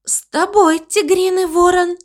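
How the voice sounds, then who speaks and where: A woman voicing a gentle, curious mother cow in a storybook reading, wondering and soft-hearted. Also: very high-pitched, fairly even intonation, measured pace, pitched above the performer's own voice.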